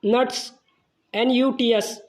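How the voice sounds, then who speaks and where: Slow, measured vocabulary teacher. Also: mid-range voice, fairly even intonation. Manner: slow, measured, spells each word then gives its meaning. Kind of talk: slow vocabulary lesson, spelling words letter by letter.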